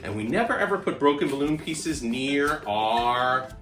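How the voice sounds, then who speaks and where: A male children's party magician with a very lively, swooping delivery, talking playfully to young viewers and coaxing them to join in. He is recorded away from the mic in a roomy, echoing space. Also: medium pitch, a little slow. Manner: exaggerated, playful, sing-song prompting of children. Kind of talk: interactive kids' magic show to camera. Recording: roomy echo, distant mic, faint music.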